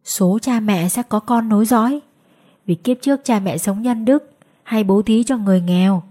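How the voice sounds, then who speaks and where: A woman's voice: medium pitch, normal speed, dark tone, natural voice. A woman voicing the spirit of a devoted young son in a spoken ghost story. He speaks tender and earnest.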